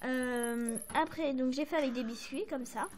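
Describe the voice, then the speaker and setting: High-voiced French woman chatting about crafts. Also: moderate pace, darkish tone. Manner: chatty, hesitant, many fillers and apologies. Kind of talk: casual show-and-tell to camera.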